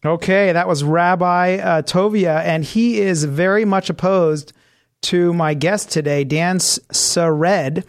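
Higher-voiced male radio host. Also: slow pace, no echo, studio quality. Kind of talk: radio interview.

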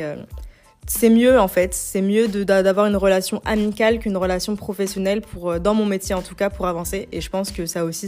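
Her voice sits in the mid range with a darkish tone. This young woman from Algeria, an image consultant, hosts an easygoing self-help podcast where she speaks informally, full of youthful slang and English loanwords.

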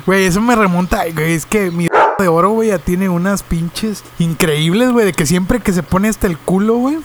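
A man's voice: high-pitched, a little fast, heavy background noise. A man with a Mexican accent, co-hosting a casual chat, full of slang and joking interjections.

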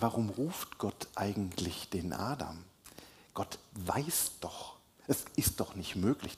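A man preaching a sermon in a slow, deliberate way, with emphatic rises and soft, quiet drops. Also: fairly low pitch, breathy edge.

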